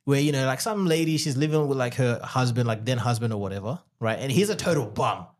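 A man's voice: mid-range voice, fast talker. An Australian man, a podcast co-host and former dating coach, making emphatic, repeated points and telling stories in casual chat.

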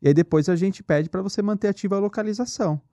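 A man's voice: sits high, fast talker, dark tone, no echo. A man with a Brazilian Portuguese accent, an insurance executive explaining things as a guest in a casual podcast interview, often checking "entendeu?". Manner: explanatory, many fillers like "entendeu?" and "né?".

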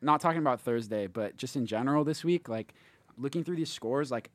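A man's voice: mid-range voice, brisk, no echo. A man hosting a casual sports podcast, laid-back and analytical, trailing off with ums. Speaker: podcast host.

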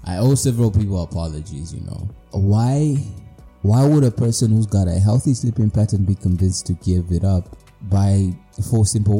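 A man's voice: lowish voice, dark tone. A man from Zimbabwe, hosting a podcast in a reflective personal monologue, playful and self-mocking. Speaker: podcast host.

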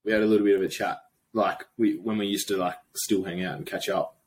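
A man's voice: low voice, steady tone, brisk, noisy background. A young man with a broad Australian accent, a podcast guest chatting in a blokey, slangy, informal way. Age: young adult. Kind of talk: casual chat.

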